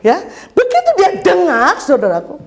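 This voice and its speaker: A woman's voice: very high voice, wildly swooping pitch, moderate pace. A woman preacher giving an emphatic church sermon, often asking the congregation to agree with her. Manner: acts out quoted people in changed voices. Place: church service.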